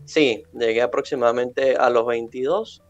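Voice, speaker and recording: Young man, measured formal speech. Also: medium pitch, steady tone, no room sound, muffled recording, faint music behind. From Venezuela. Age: 20s. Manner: measured, formal wording with frequent fillers. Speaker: interview guest. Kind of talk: formal interview answers.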